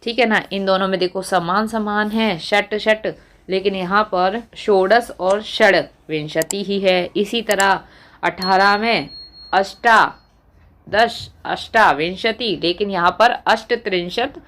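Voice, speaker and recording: A woman teacher speaks at a very unhurried pace, drawing out each word as she recites. She stops now and then to put questions to her viewers, her pitch sitting in an ordinary middle range. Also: fairly bright tone. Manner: slow, deliberate recitation, quizzing the viewer. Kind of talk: classroom lesson.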